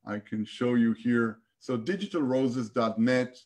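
A middle-aged man giving an online academic presentation in a measured, explanatory and somewhat hesitant manner. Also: mid-range voice, a little mellow. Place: small indoor room, on a video call.

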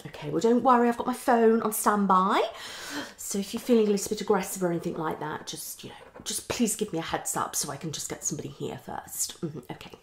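Speaking fast in a mid-range voice over a little hiss or hum, a British woman in her thirties performs a psychologist for ASMR. The one-sided consultation has her asking questions theatrically and murmuring acknowledgements, all from a small living room at home.

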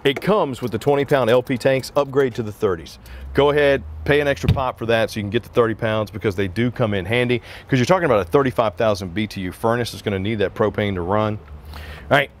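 On an outdoor sales lot, a man in his forties shows off an RV in a walkaround review, talking fast in a mid-range voice through a lapel mic. His patter is casual, upbeat and salesman-like, with a bit of hiss or hum on the recording.

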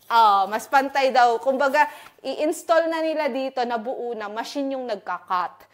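Woman vlogger from the Philippines, slightly high voice, eager and chatty while walking through her new home, handheld mic. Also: unhurried. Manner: excited, chatty, filler-heavy, switching between Tagalog and English. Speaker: vlogger giving a house tour. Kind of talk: casual chatty house-tour vlog.

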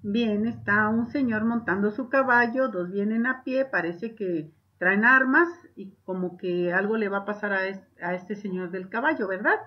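A woman's voice: medium pitch, moderate pace, hardly any pauses, lo-fi sound. A woman teacher, patiently explaining a lesson to young children and reading example sentences aloud with expression. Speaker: primary school teacher. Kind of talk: online class lesson.

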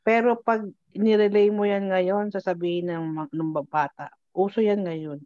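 A woman's voice: mid-range voice, fairly even intonation, unhurried, dark tone, no echo, highs cut off. A woman taking part in a Bible study, adding short comments and questions. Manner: brief interjections and questions.

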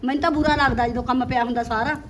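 Woman playing a sharp-tongued Punjabi village mother. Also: steady tone, noisy background, natural voice. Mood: scolding. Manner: scolding, complaining, quick and shrill. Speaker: mother-in-law in a village family drama. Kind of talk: amateur village drama acting.

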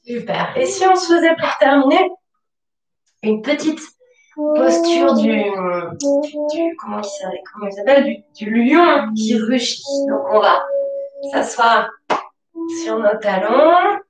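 Calm high-voiced woman guiding yoga. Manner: slow, calm spoken cues with pauses. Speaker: yoga teacher. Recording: roomy, from a distance. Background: soft music.

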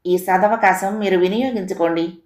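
A woman's voice: fairly even intonation, moderate pace, darkish tone, natural voice. Pushy bank telemarketer, read by a woman. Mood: salesy. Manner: salesy, pitching. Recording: echoey room recording.

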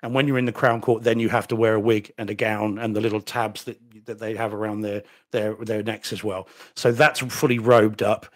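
This middle-aged solicitor from New Zealand talks a little fast with few pauses, his fairly low voice delivered flatly. He co-hosts a home theater podcast in casual but careful chat, with dry asides and restarts, using a desk microphone on a video call from home.

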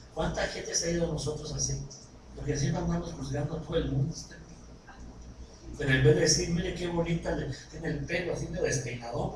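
Preacher in an echoey hall. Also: male voice, fairly high pitch. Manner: animated, asks the congregation questions. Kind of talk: sermon with anecdotes and jokes. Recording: echoey hall recorded from far off, noisy.

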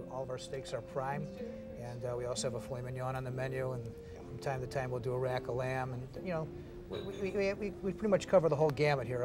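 Genial restaurant man, music behind. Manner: easygoing, filler-heavy host-style pitch. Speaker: restaurant manager. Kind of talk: on-camera interview. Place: restaurant bar and dining room.

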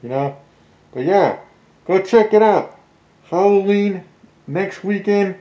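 A man's voice: sits high, lively intonation, slow pace, dark tone. A man speaking through a face mask, muffled, chatting casually and rambling as a vlogger, with some swearing. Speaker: vlogger reviewing film trailers. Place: small indoor room with blinds. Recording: dull, muffled, roomy home recording.

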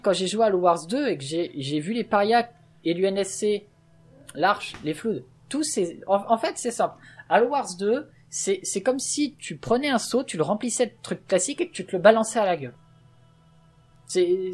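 A man's voice: high-pitched, animated, normal speed, faint music behind. A man hosting a let's play, talking in casual gaming chat, passionate and opinionated, going off on a rant.

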